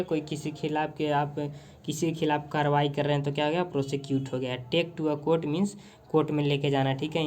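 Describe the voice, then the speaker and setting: His voice is smooth, darkish, and a bit high as this Indian-accented vocabulary teacher works through English words in Hindi, casually and recorded by a phone with a mic on a tripod. "ठीक है" comes up constantly; he answers his own questions and often pauses, using hesitant fillers, to find the right word.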